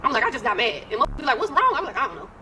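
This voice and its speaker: A woman in a casual monologue talking about herself in a rambling, animated way and acting out lines. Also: on the high side, racing, heavy background noise.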